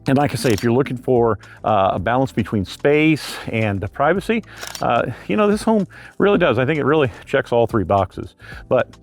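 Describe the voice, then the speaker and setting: A man's voice: mid-range voice, expressive, moderate pace, soft background music. A man working as a real estate agent, giving a casual, chatty tour of a home and neighborhood, outdoors at times, rambling with frequent filler sounds.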